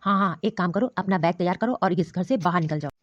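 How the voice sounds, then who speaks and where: A woman's voice: on the low side, fast talker, dry recording, close to an everyday voice. A woman voicing a stern but caring elderly father-in-law in a cartoon story, scolding and commanding. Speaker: cartoon voice actor. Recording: dull lo-fi dry recording.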